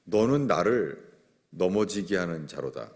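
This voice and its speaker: Animated low-voiced male preacher, hall echo. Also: unhurried. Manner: expository preaching, acting out quoted scripture lines. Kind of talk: sermon. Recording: long hall reverb.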